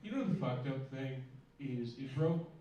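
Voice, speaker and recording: A man performing a stand-up comedy set in a club with dry, deadpan, self-deprecating delivery. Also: medium pitch, a little slow, lo-fi sound. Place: comedy club stage with a laughing audience. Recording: roomy, distant, noisy club recording.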